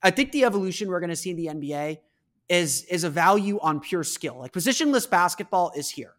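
A man's voice: high-pitched, animated, a little fast, a bit bright. A man hosting a podcast in casual chat, often repeating words and restarting his sentences. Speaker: podcast host.

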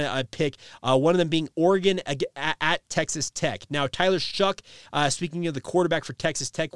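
A man's voice: fairly high pitch, clear, resonant tone, dry recording. Man, nasal voice, casual sports podcast host, dry recording. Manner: casual, filler-heavy delivery. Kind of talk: sports betting picks talk.

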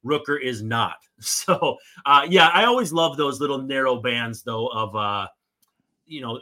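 A man's voice: medium pitch, expressive, measured pace, sharp tone. A man giving casual, discursive sports analysis with emphatic points. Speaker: baseball analyst and podcast co-host.

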